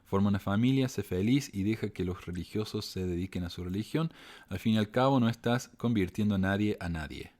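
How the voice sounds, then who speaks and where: A man's voice: on the low side, brisk, darkish tone. A middle-aged man with an Argentine accent, hosting a live show, reading viewer comments and answering them casually, with wry asides, fillers and restarts. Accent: Argentine Spanish.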